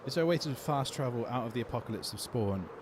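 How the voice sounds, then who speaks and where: A man's voice: medium pitch, lively intonation, quick pace, background noise. A man with a London accent chatting casually on a gaming livestream, answering viewer questions in a laid-back way. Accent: London English. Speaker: gaming streamer.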